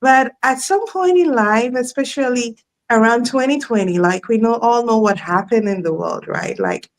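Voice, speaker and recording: A woman's voice: on the high side, moderate pace, low-quality recording. A woman in her thirties, a guest in a live online interview, telling her story in a chatty way and laughing often.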